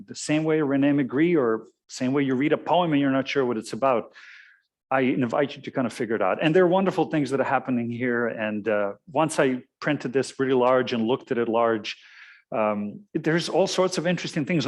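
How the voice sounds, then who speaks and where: A man from Serbia with a Serbian accent, giving a musing, discursive lecture as a guest photographer and correcting himself as he goes. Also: mid-range voice. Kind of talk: lecture talk with slides. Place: lecture room.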